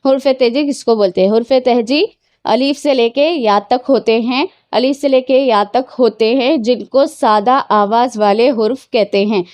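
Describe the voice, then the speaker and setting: A woman's voice: a little high, measured pace, darkish tone, dry recording. A woman teacher giving a grammar lesson to children, patiently asking questions and answering them herself, mixing English words into her explanations. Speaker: Urdu teacher.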